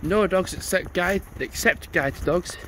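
A man with a fairly high voice and an unhurried pace, chatting as he walks outdoors. He thinks aloud and reads signs out as he goes. Loud wind buffets the mic throughout. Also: rough recording. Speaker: vlogger. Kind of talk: casual walking vlog narration. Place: outdoors on snowy paths by a stadium.

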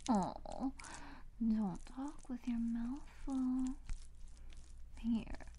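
A woman's voice: fairly high pitch, extremely slow, dark tone, a little hiss or hum. A woman playing a possessive, sadistic yandere captor in an ASMR role-play, with a sweet, eerily obsessive, teasing manner. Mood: coaxing, possessive.

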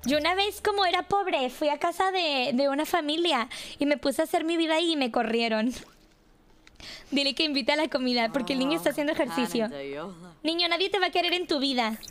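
A woman's voice: sits high, fairly quick, fairly bright tone. A woman with a Mexican accent giving playful, teasing gameplay commentary with sudden exclamations. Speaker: streamer playing a life-sim game.

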